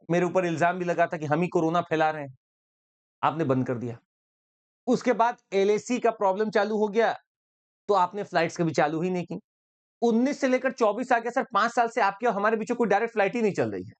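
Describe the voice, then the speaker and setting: A male exam-prep teacher lecturing in a chatty, lively style, joking and slipping in English phrases. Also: high-pitched, brisk.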